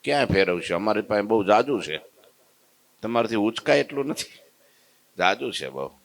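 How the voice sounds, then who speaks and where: A man voicing a calm male spiritual master who gently teases his challenger. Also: on the low side, vocal fry. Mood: calm teasing. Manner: unhurried, gently mocking.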